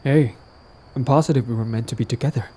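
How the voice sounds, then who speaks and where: A man's voice: mid-range voice, fast, warm tone, husky, close to an everyday voice. A man playing a smug, possessive young villain in a romantic audio drama, talking in a casual, teasing, cajoling way. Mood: smug, coaxing. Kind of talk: roleplay audio drama, conversational acting.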